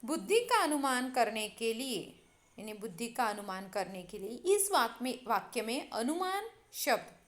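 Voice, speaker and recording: A woman's voice: on the high side, big pitch swings. A woman teacher giving a grammar lesson, spelling words out syllable by syllable and addressing her students directly. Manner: slow, spells out syllables one by one.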